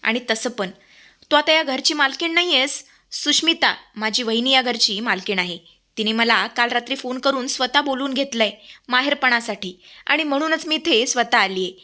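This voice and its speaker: A woman's voice: high-pitched, normal speed, sharp tone. A woman voicing a proud sister who insists on her place in the house. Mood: insistent.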